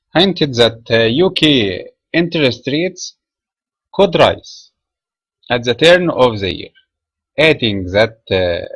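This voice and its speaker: A man from Egypt, a trading trainer, reading a market commentary webinar from a script in a measured way with small filler pauses. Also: medium pitch, a bit bright, dry recording, rough recording.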